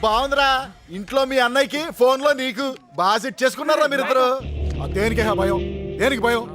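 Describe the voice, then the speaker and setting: A man's voice: very high voice, quick pace, music in the background. An actor playing a boastful comic man who bosses his friends, speaking with a Telugu accent. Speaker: comic film character. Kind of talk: Telugu film comedy acting.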